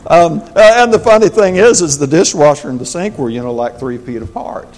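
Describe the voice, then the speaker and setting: A man's voice: on the high side, very animated, fairly quick, darkish tone. A man in his sixties preaching a sermon as the pastor, in a folksy, conversational way with joking asides. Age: 60s.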